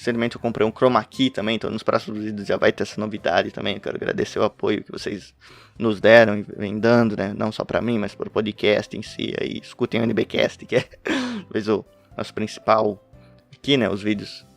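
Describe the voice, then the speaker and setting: Speaking to a home webcam setup over quiet background music, a manga-reviewing podcast host chats about a manga he loves. His voice is lowish, gravelly and brisk, and he wanders from point to point, interrupting himself and laughing a lot.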